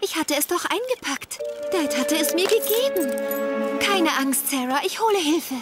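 A caring, easily flustered cartoon mother. Her voice sits very high and swings widely in melody. Loud music plays behind her. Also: expressive, normal speed. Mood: worried. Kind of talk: animated children's cartoon dubbing.

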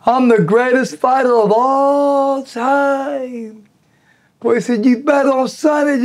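A man in his sixties tells rough, profane stories in a relaxed interview. His voice sits a little high for a man. He acts out the people he quotes with lively swings in pitch. He was recorded seated in a small indoor studio. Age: 60s. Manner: animated, profane storyteller who acts out quotes. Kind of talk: casual storytelling interview. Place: indoor studio in front of a draped backdrop.

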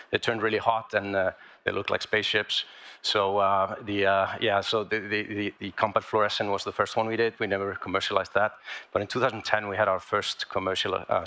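On stage in a large lecture hall, an Icelandic man gives a conference talk about his inventions. His voice is fairly low, bright and forceful, but he speaks haltingly, with many fillers and restarts.

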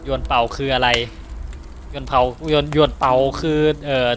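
A man's voice: medium pitch, flat delivery, moderate pace, faint music behind. A man hosting his gaming channel, muttering and joking to himself through casual gameplay commentary.

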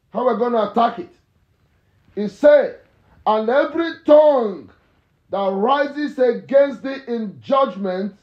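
A male pastor delivers a fervent morning sermon with heavy repetition and sudden shouts. His voice sits very high and he drags out each phrase slowly. The recording is echoey and dull, like a lo-fi room capture.

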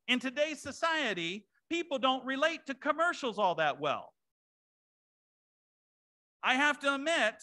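Guy pastor preaching in church, high bright voice, chatty with the crowd. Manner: conversational preaching with asides to the congregation. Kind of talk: sermon. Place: church sanctuary.

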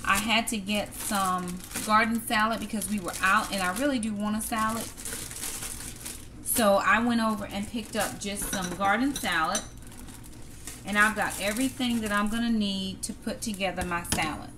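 A middle-aged woman talks her viewers through a home-cooked meal, calling them "y'all" in an easy, chatty way. Her voice sits at an ordinary pitch. She is picked up by a camera on the kitchen counter, with clear clatter of pans, dishes and cutlery behind her. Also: steady tone, moderate pace, noisy background. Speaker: cooking vlogger. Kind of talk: casual cook-with-me narration.

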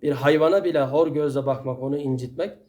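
A man's voice: a little high, fast talker, a little mellow. A man giving a Friday sermon in an earnest, admonishing way, full of rhetorical questions, with a Turkish accent. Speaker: preacher.

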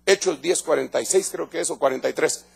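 A man's voice: fairly high pitch, quick pace, vocal fry, slightly rough. A middle-aged man with a Guatemalan accent preaching an evangelical sermon in a church, speaking emphatically and conversationally to the congregation and often repeating his words. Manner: repeats words and restarts phrases. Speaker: pastor.

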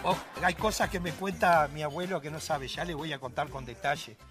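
A man's voice: fairly high pitch, steady tone, fairly quick, over music. A man telling comic family stories and jokes, rambling playfully and acting out the voices in them. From Uruguay. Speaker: comic guest. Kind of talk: comic storytelling with character voices.

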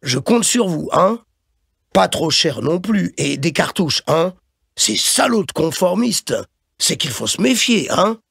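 Guy doing a bossy fussy office chief, gravelly, lots of "hein", up and down voice. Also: high-pitched, animated, a bit bright, no room sound, clean studio sound, voice pushed up, full character voice. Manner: chiding, repeats "hein", quick and emphatic. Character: fussy blustering middle-aged male office boss.

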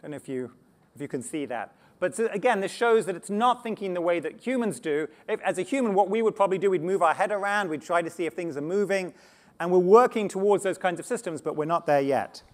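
A man giving a conference talk on slides, animated and often restarting words, speaking to a live audience. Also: sits high, quick pace. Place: conference stage before an audience.

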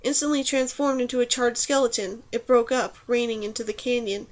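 Lady reading a fantasy audiobook, steady and measured, voice a bit on the high side. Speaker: audiobook narrator. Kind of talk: scripted audiobook narration.

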